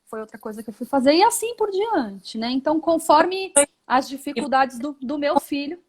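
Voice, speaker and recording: High-voiced Brazilian woman explaining her work. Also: lively intonation, moderate pace. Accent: Brazilian Portuguese. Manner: reflective, explanatory, many fillers and tag questions. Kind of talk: live video interview.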